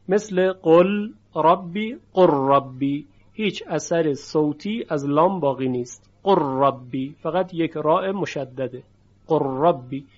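Man teaching tajwid, higher voice. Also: darkish tone, highs cut off. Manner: explanatory, drawn-out demonstration of sounds. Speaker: Quran recitation teacher. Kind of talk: tajwid lesson with recited examples.

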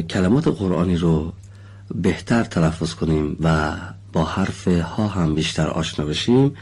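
A man teaching pronunciation in a studio lesson, polite and formal, patiently explaining and slowly stretching out syllables as he demonstrates. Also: low voice, warm tone, slightly rough. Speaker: Quran recitation teacher.

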